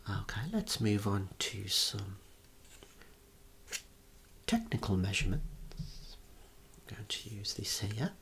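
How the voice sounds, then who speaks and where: A man whispering softly through a clinical ASMR role-play, giving slow, careful instructions and gentle praise as he demonstrates eye and head measurements. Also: lowish voice, expressive, vocal fry, slight background noise.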